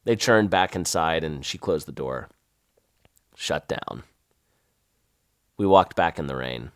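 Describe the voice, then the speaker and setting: A man with a Southern accent narrating his own adventure in a wry, lively first-person storytelling manner. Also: rumbling low, slow, dry recording, studio quality.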